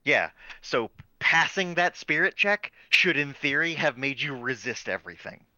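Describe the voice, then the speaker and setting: A man and game master who teaches high school, chatting casually about his tabletop game and often repeating words as he explains. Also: expressive, moderate pace, sharp tone, no echo, muffled recording.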